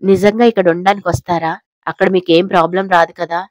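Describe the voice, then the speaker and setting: Woman voicing a gentle, self-sacrificing young wife. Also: lowish voice, fairly even intonation, fast, no room sound, natural voice. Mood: hesitant. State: slightly hoarse throat.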